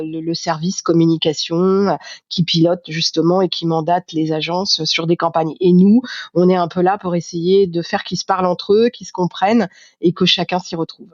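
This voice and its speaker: A woman in her fifties from Paris, speaking as a podcast guest, reflective and halting, with many fillers and restarts. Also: fairly low pitch, a little mellow, no room sound, lo-fi sound. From Paris, France. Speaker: guest, communications agency founder. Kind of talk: podcast interview.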